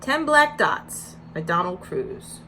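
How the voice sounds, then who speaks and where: Speaking slowly in a lowish, very animated voice, a woman who teaches early childhood walks through a read-aloud lesson, offering teaching tips and reading with emphasis in an instructional manner. There is background noise.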